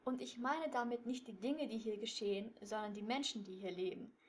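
A woman's voice: a little high, a little fast, close to an everyday voice. A woman voicing a clever teenage boy detective who explains firmly and a little impatiently. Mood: thoughtful. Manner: firm, explaining, slightly impatient.

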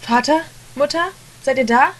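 Woman voicing a frightened little boy, high panicked cries, storybook reading. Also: steady tone, brisk, a little hiss or hum, close to an everyday voice. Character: terrified little boy calling for family.

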